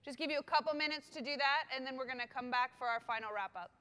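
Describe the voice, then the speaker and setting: A woman's voice: high voice, fast, pushed and bright, clean tone. A middle-aged woman facilitating a conference workshop, giving upbeat step-by-step directions to the audience on a hall stage. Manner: upbeat, directive, checks in with "okay?".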